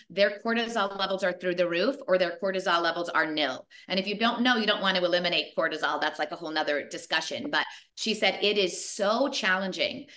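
A woman in her forties on a video call, presenting a fitness program to her partners in an energetic, emphatic way and repeating points for stress. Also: lowish voice. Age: 40s.

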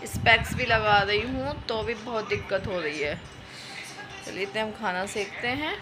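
A woman's voice: mid-range voice, normal speed, music in the background. A woman in her thirties chatting through her day in a casual home vlog, filmed on a phone held at arm's length. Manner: chatty, homely narration of daily chores. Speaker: family vlogger. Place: small home rooms and street, indoors and out.

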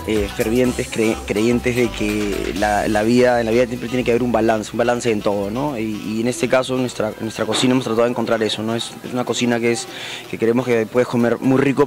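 Hesitant young restaurant owner. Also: male voice, medium pitch, little pitch movement, brisk, darkish tone, faint music behind. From Argentina, raised in Peru. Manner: hesitant, many restarts, describes dishes. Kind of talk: casual interview. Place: indoor restaurant, seated at a table. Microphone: host's handheld mic.

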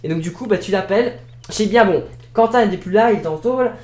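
Improvising casual role-play dialogue, a man with a Belgian French accent talks fast in a high, slightly mellow voice. He is colloquial, talkative, and repetitive. The room sound is echoey.

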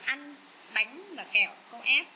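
A woman with a Vietnamese accent teaching English vocabulary, repeating each word slowly with many fillers. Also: high-pitched, expressive, pushed and bright, a little hiss or hum, low-quality recording. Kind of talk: slow bilingual vocabulary lesson.

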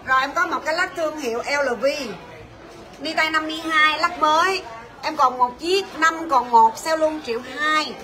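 High, bright saleswoman. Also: a faint crowd. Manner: rapid, coaxing sales patter calling out prices. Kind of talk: livestream sales pitch.

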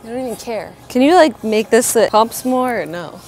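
A woman's voice: on the high side, lively intonation, brisk, a little mellow. A young woman talking casually to camera in a vlog, sarcastic and laughing, outdoors in a yard. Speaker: vlogger.

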